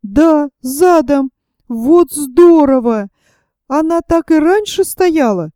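A woman's voice: sits high, lively intonation, measured pace, no echo, studio quality. Woman voicing scared ragged boy Huck. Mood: relieved. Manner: anxious hushed pleading. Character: frightened superstitious boy, ragged runaway.

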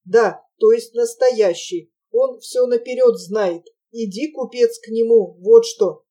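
Woman doing a creaky nasal hotel attendant. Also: a little high, slow, dark tone. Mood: nagging. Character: grumbling little corridor attendant, sickly, creaky-voiced.

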